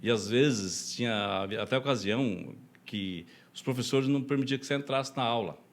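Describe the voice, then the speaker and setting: A man's voice: mid-range voice, moderate pace, a little hiss or hum. Chatty Brazilian man telling stories. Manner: chatty, laughs often, many "né?" tags. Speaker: podcast guest, deacon. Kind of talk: casual interview storytelling.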